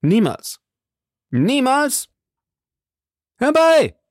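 A man's voice: mid-range voice, normal speed, vocal fry, dry recording, clean studio sound, natural voice. Buckingham, a man reading as a haughty duke. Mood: alarmed shouting. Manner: outbursts rising to shouts, fading to whispers when dying. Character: haughty English duke, alarmed then dying. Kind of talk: audiobook reading.

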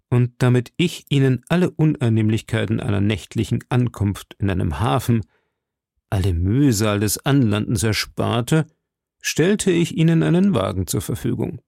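A coldly mocking aristocratic lord, read by a man in a dark, gravelly voice. His speech is measured and sneering and sounds dry and close. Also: lowish voice, dry recording.

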